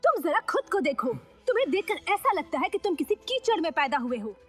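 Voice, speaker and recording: A woman plays a snobbish young woman who sneers at the poor. Her voice sits high and leaps widely as she mocks. Faint music plays under the dub. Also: big pitch swings, a little fast. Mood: scornful. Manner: haughty, contemptuous. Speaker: dubbing actress. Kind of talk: Hindi dubbed TV drama acting.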